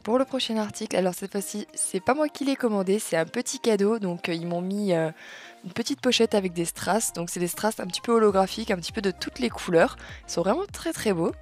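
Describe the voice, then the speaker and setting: A woman's voice: medium pitch, fairly quick, soft background music. A woman reviewing nail polish in a chatty, enthusiastic haul video. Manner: chatty, enthusiastic, repeats "très, très". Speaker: nail art vlogger.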